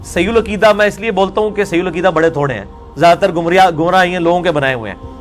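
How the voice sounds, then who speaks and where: A man delivers a religious lecture. He works through scripture verse by verse in a combative way. Faint music plays under his voice. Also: high-pitched. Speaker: religious scholar.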